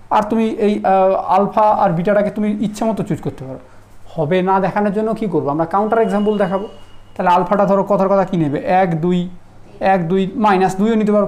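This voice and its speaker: A man's voice: high voice, darkish tone. Man teaching math casually. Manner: conversational, checks understanding often. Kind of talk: casual classroom lesson.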